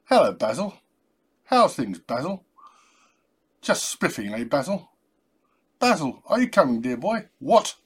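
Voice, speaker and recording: A man playing a chummy upper-class English gentleman with a plummy, clipped manner. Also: fairly high pitch, sing-song, unhurried, long pauses, breathy edge, exaggerated voice. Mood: jovial.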